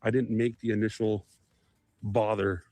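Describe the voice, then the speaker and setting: A man talking quietly to his viewers in a casual livestream clip, mumbling asides. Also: lowish voice, flat delivery, a little slow, dry recording. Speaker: street auditor in a played clip.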